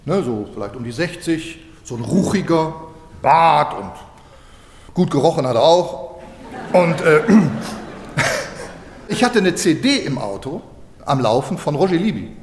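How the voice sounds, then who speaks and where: A man preaching a sermon, telling stories lively and acting out the dialogue. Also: fairly high pitch, measured pace, long pauses, a little hiss or hum. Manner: animated storytelling, acting out dialogue with laughter. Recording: echoey hall.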